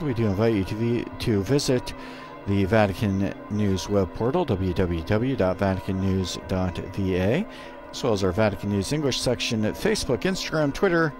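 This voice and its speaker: A man doing live radio commentary from a studio, interpreting a speech in short, halting phrases. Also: lowish voice. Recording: music audible behind. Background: music.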